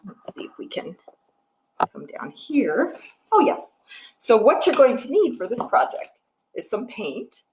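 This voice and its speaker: This middle-aged American woman is a storytime librarian reading a picture book and talking through a craft for young children, explaining simply and asking questions. Her voice is lowish. Recorded on a device microphone roughly arm's length away in a home room with wooden floors and a piano, the audio is reverberant and low quality.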